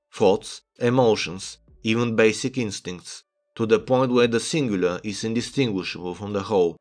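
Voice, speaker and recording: A man's voice: lowish voice, darkish tone. A man narrating a video essay, making his analytical case and reading story excerpts aloud. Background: background music.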